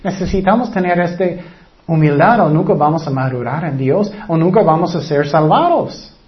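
Male preacher with a high voice, earnest, lots of rhetorical questions, lo-fi sound. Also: lively intonation, moderate pace. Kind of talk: sermon. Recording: dull lo-fi recording.

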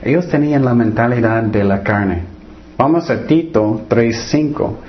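A man's voice: medium pitch, unhurried, highs cut off. A man preaching a sermon and reading from the Bible. He often restarts his sentences and throws rhetorical questions at his listeners. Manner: acts out the voices of the people in his stories.

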